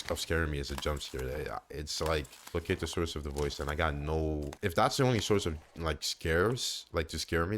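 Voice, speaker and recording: Young man, very low voice, let's-play commentary, animated, talks back to the game, faint background hiss. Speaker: gamer playing a horror game.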